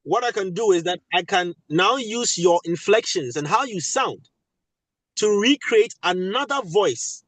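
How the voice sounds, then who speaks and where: This voice actor and audio producer, a Ghanaian man, talks with emphasis at a webinar panel and repeats important phrases to drive them home. His voice is high, and the audio is poor, with no echo.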